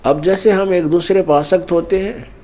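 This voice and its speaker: A man giving a sermon at an ashram, teaching through parables and couplets. His voice is warm and mellow and sits fairly high for a man. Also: fairly even intonation, normal speed. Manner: didactic, mixing in scripture couplets and parables. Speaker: spiritual teacher. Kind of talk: Hindi sermon. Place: ashram gathering.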